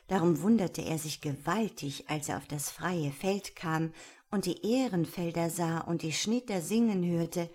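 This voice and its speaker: A woman reads a fairy tale aloud in a calm, even way. Her voice sits a little low for a woman. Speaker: storyteller.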